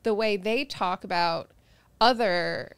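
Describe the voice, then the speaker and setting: A woman's voice: mid-range voice, takes it slowly, clear, resonant tone, no room sound. A woman in her thirties from New Jersey, chatting casually as a guest comedian on a podcast and laughing often. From New Jersey, United States. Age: 30s.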